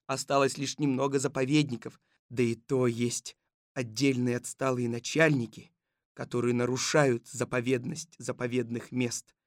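A man's voice: mid-range voice, flat delivery, moderate pace, no room sound, studio quality, natural voice. A man voicing an earnest male detective chief who makes rousing speeches. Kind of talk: audiobook reading.

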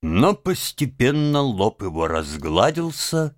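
A man narrating a children's storybook in a measured, expressive way. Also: medium pitch, dry recording, clean studio sound. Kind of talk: audiobook narration.

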